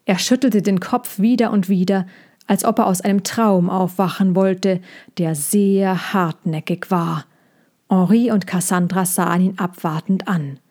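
A woman reading a children's storybook aloud in a calm, measured way. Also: medium pitch. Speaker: narrator.

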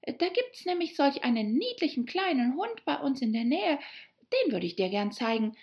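A woman's voice: on the high side, big pitch swings, measured pace, muffled recording, voice pushed up. A woman voicing an eager, polite young girl who chatters on apologetically.

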